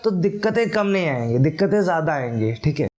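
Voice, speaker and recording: A man's voice: fairly high pitch, sing-song, brisk, a little mellow. A man hosting a casual tech explainer, chatty and conversational with frequent fillers and self-corrections. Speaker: tech YouTuber host. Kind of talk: casual explainer talk to camera.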